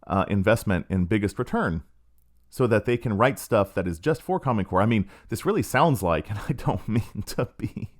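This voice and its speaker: Speaking at a moderate pace in a lowish, expressive voice, a middle-aged podcast host narrates a story. His casual monologue is sardonic and full of acted-out quotes.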